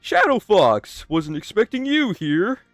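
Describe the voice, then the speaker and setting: A man's voice: high-pitched, wildly swooping pitch, takes it slowly, creaky, a bit bright, no room sound, faint music behind, pitched above the performer's own voice, full character voice. A man voicing a manic, overly enthusiastic male principal who is a toothy ringmaster figure.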